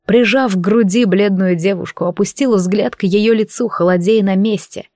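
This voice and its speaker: A woman narrates a fantasy novel in the first person, reading in a steady, even manner. Her voice sits in a mid-range register. The recording is close and dry, with no room sound. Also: medium pitch, normal speed, no room sound. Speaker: audiobook narrator.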